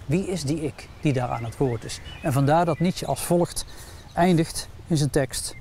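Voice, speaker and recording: A man's voice: fairly high pitch, normal speed, mellow, slight background noise. A man giving a philosophy lecture, reflective and questioning, stressing key words emphatically. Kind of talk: lecture with read-aloud passages.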